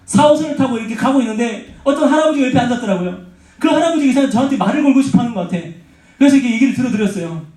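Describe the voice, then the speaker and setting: A man preaching to high school students, animated, asking questions and having the room repeat after him. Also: rapid-fire, distant mic. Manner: animated, asks the audience questions and has them repeat. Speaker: youth pastor. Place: church sanctuary. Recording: echoey church hall.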